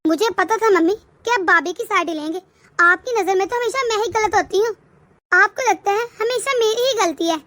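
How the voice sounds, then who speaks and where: A spoiled young married daughter from a cartoon family story, voiced by a woman. She taunts and whines in a very high, bright voice. The recording is close and dry. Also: moderate pace, no room sound. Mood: sulky. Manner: taunting, whiny. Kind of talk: cartoon voice acting.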